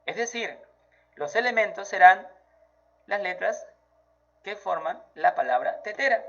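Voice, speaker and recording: A man gives a children's math lesson in a high voice that swings up and down. He talks slowly and keeps encouraging the child. The audio sounds dull and lo-fi. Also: expressive, bright, forceful tone. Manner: slow, encouraging, praising the child. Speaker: teacher.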